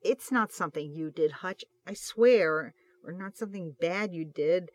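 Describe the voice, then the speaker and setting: A reader voicing a worried, impulsive male police detective in an audiobook of fan fiction, talking loudly and pleadingly. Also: medium pitch, unhurried, dry recording, close to an everyday voice.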